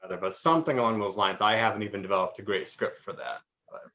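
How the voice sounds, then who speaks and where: A man's voice: on the low side, fast talker, sharp tone, lo-fi sound, a little hiss or hum. A man, a massage therapist, sharing thoughts in a class discussion over a video call, speaking in long, winding phrases.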